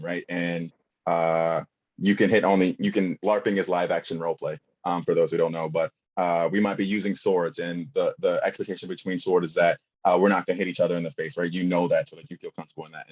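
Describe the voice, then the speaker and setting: A man's voice: deep voice, flat delivery, fast, darkish tone, lo-fi sound. A young man presenting a conference workshop, talking casually with many fillers and asking the audience questions.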